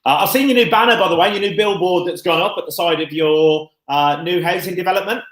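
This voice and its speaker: A man's voice: high voice, quick pace, a bit bright. A man hosting a show, chatting casually with his guests. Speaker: show host. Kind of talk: casual chat. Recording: roomy echo.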